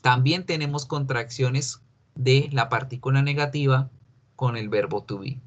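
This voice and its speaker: A man teaching an English grammar class in Spanish, explaining slowly and patiently and putting questions to his students. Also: fairly high pitch, fairly bright tone. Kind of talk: online class lecture.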